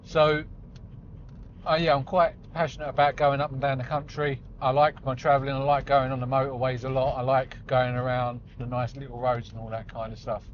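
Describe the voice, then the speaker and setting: A man's voice: medium pitch, little pitch movement, brisk. Chatty man in his forties. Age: 40s. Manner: rambling, chatty and self-deprecating. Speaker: vlogger. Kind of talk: casual chat while driving. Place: inside a car on the road. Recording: slightly dull audio with faint road noise.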